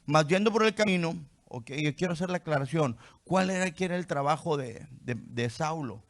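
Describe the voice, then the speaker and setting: A man's voice: fairly high pitch, animated, normal speed. A man preaching a sermon as pastor. He reads scripture aloud, then explains it with rhetorical questions and "¿sí?" checks to the congregation.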